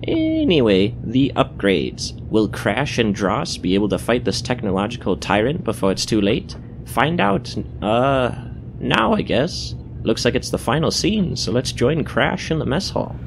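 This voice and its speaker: Man playing a wildly animated goofy serial narrator. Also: medium pitch, measured pace, creaky, slight background noise. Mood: wry, dramatic. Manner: hammy, casual asides breaking into mock-dramatic announcing. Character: goofy, self-aware male radio serial narrator. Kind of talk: comic audio drama narration.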